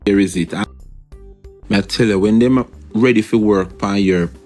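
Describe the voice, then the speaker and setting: A man's voice: lowish voice, moderate pace, a little mellow, soft background music. A man with a Jamaican accent giving casual political commentary, emphatic and repetitive, slipping into patois.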